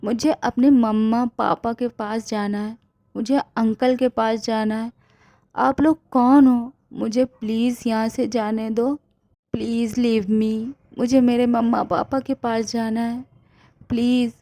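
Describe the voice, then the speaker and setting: A woman's voice: a little high, steady tone, unhurried, mellow. A woman voicing a terrified young man who cries and pleads like a child. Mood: tearful pleading. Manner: crying, pleading tone.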